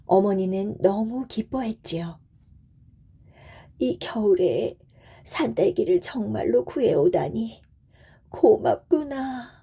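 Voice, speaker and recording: A woman narrates a bedtime folk tale in a soothing, gentle way. She speaks very slowly, with a soft, breathy voice. Her tone is warm and mellow. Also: medium pitch. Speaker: storyteller.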